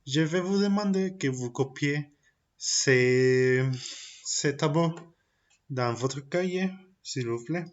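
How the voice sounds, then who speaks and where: This lo-fi recording has a man with a voice on the high side teaching French to young children at primary-school level. He delivers every point in French, restates it in Spanish, and drills the pronunciation slowly and carefully.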